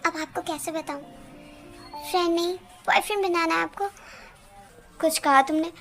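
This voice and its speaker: A woman's voice: very high-pitched, normal speed, fairly bright tone. A woman voicing a shy, flustered young woman in an amateur Hindi fan dub, talking hesitantly with small stammers. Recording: faint music underneath.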